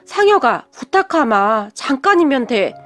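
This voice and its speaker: A woman's voice: high-pitched, big pitch swings, soft background music. A woman doing a pleading, destitute birth mother. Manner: pleading, slow and drawn out.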